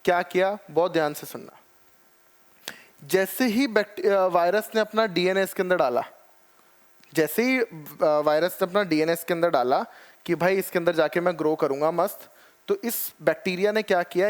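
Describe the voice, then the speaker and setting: High-voiced male biology teacher. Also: normal speed. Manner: explains step by step, checks often with "clear?"; calls students "children" and "beta ji". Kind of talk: exam-prep lecture.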